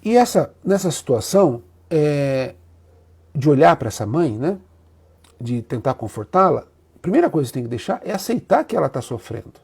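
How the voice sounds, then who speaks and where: A man's voice: fairly high pitch, sing-song, normal speed, creaky, darkish tone, slightly rough. A man with a Brazilian Portuguese accent, an Umbanda priest and teacher, giving an emotional, heartfelt live talk to his viewers. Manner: emotional, openly moved, speaks with feeling.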